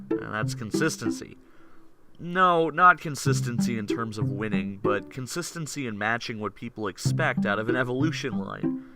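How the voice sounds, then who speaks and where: Sarcastic man ranting over loud music. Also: mid-range voice. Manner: sarcastic, lively, often raising his voice to rant. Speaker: voiceover narrator. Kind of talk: comedic scripted narration.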